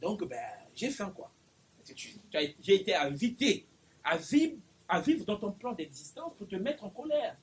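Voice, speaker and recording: A man voicing a hungry male spirit of anger who speaks slowly, softly and plainly. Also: high-pitched, big pitch swings. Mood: matter-of-fact.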